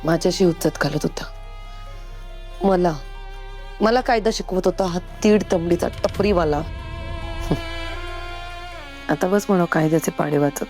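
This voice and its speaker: An actress playing a tired, irritable police inspector who grumbles and mutters sleepily. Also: female voice, on the low side, measured pace, pauses often, warm tone, soft background music, natural voice. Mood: grumbling.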